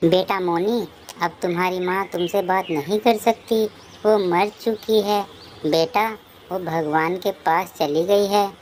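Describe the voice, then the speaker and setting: A woman's voice: low-pitched, measured pace, a little hiss or hum. Woman voicing a weary father sparrow. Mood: consoling. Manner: pleading and tearful. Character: grieving male sparrow father, gentle, worn out. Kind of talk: cartoon voice acting.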